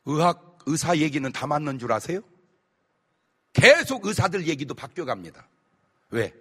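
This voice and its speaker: Bright, husky male pastor preaching with lively shouts, long church hall reverb. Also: a little high, moderate pace. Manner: animated, shouting, rhetorical questions to the congregation. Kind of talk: sermon.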